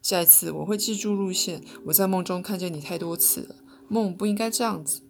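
An angry young man in a cape storms through a storybook scene, shouting with indignation. A woman reader gives him a low, gravelly edge. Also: brisk, slight background noise.

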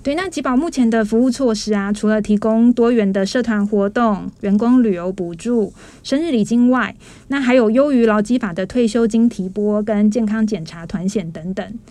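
A woman's voice: medium pitch, normal speed, warm tone. A woman guest from human resources answering interview questions in an upbeat, explanatory way, with a Taiwanese Mandarin accent. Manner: upbeat, explanatory, mild fillers. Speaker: HR staff guest.

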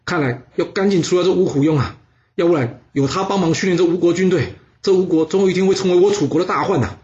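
Man voicing a stubborn old general, brash and loud. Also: mid-range voice, fast talker, lo-fi sound, lightly acted. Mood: fierce. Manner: brash, insistent, exclaiming.

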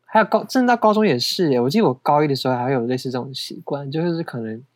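A man's voice: medium pitch, animated, very fast, no room sound. A young man with a Taiwanese Mandarin accent, co-hosting a podcast in casual, self-mocking chat. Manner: chatty, self-mocking, laughs often. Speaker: podcast co-host.

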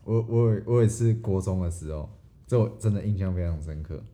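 A man's voice: deep voice, fairly quick, mellow. A young man with a Taiwanese Mandarin accent, chatting easily as podcast co-host, often restarting his sentences. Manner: easygoing, stammering restarts. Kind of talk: casual storytelling chat.

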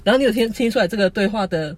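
Taiwanese Mandarin accent, podcast co-host, husky voice, animated storyteller, casual chat. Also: mid-range voice, very fast. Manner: animated storytelling, laughs often.

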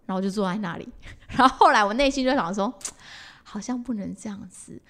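A woman's voice: medium pitch, quick pace. A mother, co-hosting a casual chat and recounting family moments with lots of restarts. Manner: animated, lots of fillers and restarts. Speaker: podcast co-host and mother.

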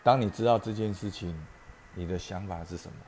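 A man's voice: low-pitched, fairly quick, a little mellow, faint music behind. Earnest man preaching a daily devotional. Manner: earnest, asks listeners direct questions, swells to impassioned emphasis. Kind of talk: daily devotional sermon and prayer.

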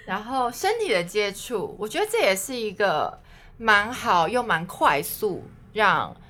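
A woman's voice: medium pitch, very animated, unhurried, pushed and bright. A woman in casual chat, offering reflective advice in Mandarin.

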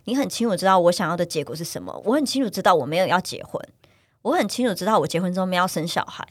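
Blunt, quick woman co-host. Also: lowish voice, very animated, dry recording, clean studio sound. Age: late 30s. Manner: frank, blunt, slangy advice-giver. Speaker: podcast co-host. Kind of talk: casual chat.

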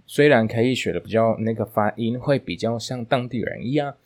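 A man's voice: medium pitch, fairly quick. A man hosting a podcast language lesson, chatting loosely with many fillers. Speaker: Spanish teacher, podcast host. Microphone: podcast microphone.

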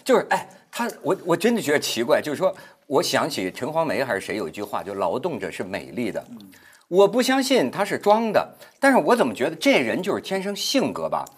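A middle-aged man hosting a round-table chat show, telling a story in a casual, animated way with halting repeats. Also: fairly high pitch, breathy edge. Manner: animated, halting repetitions, laughs while telling. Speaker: host.

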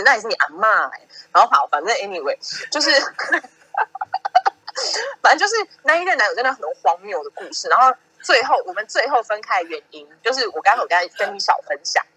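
With a husky, mid-range voice and a Taiwanese Mandarin accent, this young podcast host animatedly tells stories in a casual chat, voicing what people said and laughing often. The recording is low quality with no echo.

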